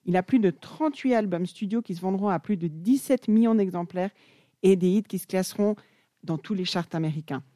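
A woman's voice: medium pitch, brisk, warm tone, no echo, clean studio sound. A young woman presenting an enthusiastic music chronicle on the radio.

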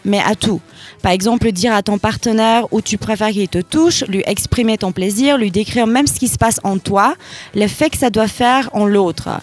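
A woman hosting a show, reading a prepared monologue to listeners, then leading a group chat with questions. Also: a little high. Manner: addresses listeners directly, leads questions. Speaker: podcast host.

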